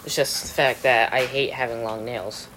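Over a game, a young man chats casually, rambling, laughing often and letting sentences trail off. His voice is medium in pitch, steady and sharp at a normal speed, and the low-quality recording carries slight background noise.

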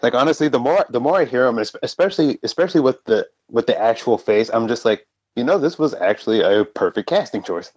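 A man's voice: mid-range voice, expressive, a little mellow, highs cut off. A man co-hosting a podcast in casual fan chat, often repeating the starts of his phrases as he goes. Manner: stammering, repeats phrase starts while rushing ahead. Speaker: podcast co-host.

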